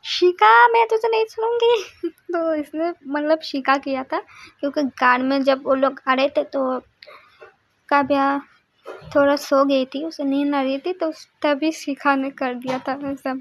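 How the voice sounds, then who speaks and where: A young woman tells a story the way she would to friends, loose and chatty, full of little fillers. Her voice sits high. The recording is close and dry, with no room sound. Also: level tone, measured pace, no room sound. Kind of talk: casual spoken story retelling.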